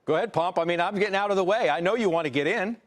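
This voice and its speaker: A man anchoring a TV news segment, moderating a debate in a brisk, lively way. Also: sits high.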